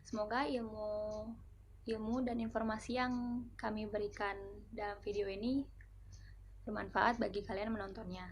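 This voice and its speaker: A young woman from Indonesia, a university student, giving a class presentation and explaining slowly and carefully with spoken examples. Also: medium pitch, little pitch movement, a little hiss or hum. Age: young adult.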